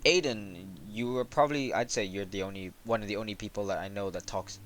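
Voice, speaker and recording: This fairly low-pitched man hosts a relaxed conversation on game development. He talks flatly and stumbles through plenty of hesitant fillers.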